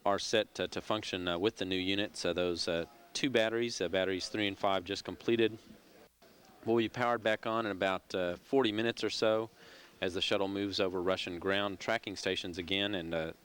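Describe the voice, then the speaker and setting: A man with a low, smooth voice gives live mission control commentary. His delivery is measured and informative, moving haltingly from one phrase to the next. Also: steady tone, fairly bright tone.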